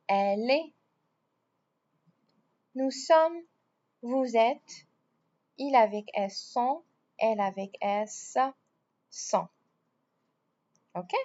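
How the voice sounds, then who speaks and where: A woman French teacher speaking English and French, slowly drilling pronouns and verbs with patient repetition and frequent praise. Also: fairly high pitch, darkish tone. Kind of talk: classroom grammar lesson in English and French. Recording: slightly dull lo-fi audio.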